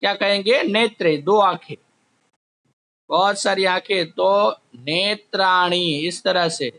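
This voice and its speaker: A man teaching a class, slowly drilling word forms, asking questions and answering them himself. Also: high-pitched, sharp tone. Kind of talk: slow classroom explanation. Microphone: recorded while writing on a board.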